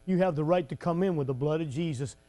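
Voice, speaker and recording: A man races through a folksy sermon for his congregation, laughing and joking between lines and shouting whenever he hits a high point.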